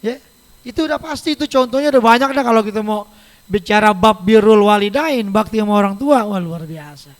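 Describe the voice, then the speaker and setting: A man's voice: high voice, brisk. A middle-aged man giving an informal religious lecture in a mosque, chatty and joking, acting out quoted voices. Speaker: preacher. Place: large mosque hall. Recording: long mosque hall reverb.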